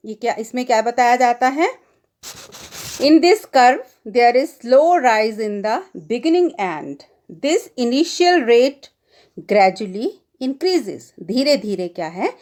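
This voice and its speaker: An Indian-accented woman delivers a classroom lecture in a high voice. She moves at an unhurried pace and says each key term in two languages. Her delivery is patient and methodical. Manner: explains slowly, repeats terms in two languages.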